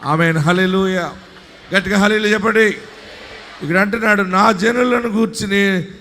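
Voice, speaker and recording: A male pastor with a high, ringing voice preaches a live sermon, swinging between quiet asides and shouted exhortation. His words carry the long reverb of a large hall. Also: moderate pace. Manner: preaching with shouted rises and call-and-response verse reading.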